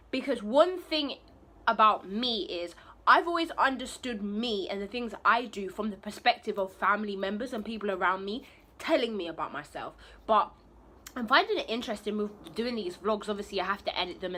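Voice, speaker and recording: Woman, casual bedroom phone vlogger, candid and rambling, bright forceful tone. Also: medium pitch, a little hiss or hum. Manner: rambling, candid, talks while eating. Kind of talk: casual vlog chat. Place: her bedroom. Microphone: phone camera.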